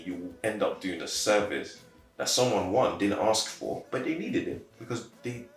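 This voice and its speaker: A young man in his twenties answering interview questions casually, animated and quick to laugh. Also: medium pitch. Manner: animated, laughs easily, acts out quotes. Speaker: interview guest. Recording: roomy echo, faint background music.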